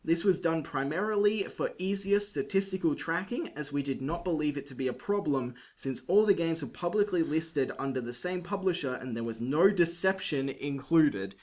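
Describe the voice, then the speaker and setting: A woman's voice: sits low, lively intonation, moderate pace, hardly any pauses, darkish tone. A woman co-hosting a casual gaming podcast, reading news quotes aloud and mocking them. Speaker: podcast co-host. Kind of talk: casual chat.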